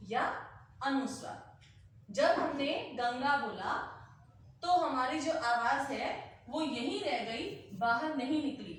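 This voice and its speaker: Woman teaching a grammar lesson, high voice, unhurried, very echoey room, distant from mic. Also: fairly bright tone, a little hiss or hum. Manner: slow, deliberate, repeats example words aloud.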